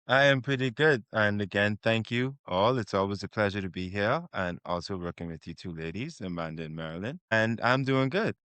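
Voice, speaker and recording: A man, answering interview questions as a guest surveyor in a measured, plain-spoken way. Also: lowish voice, fairly bright tone, clear, resonant tone, no room sound. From Bahamas.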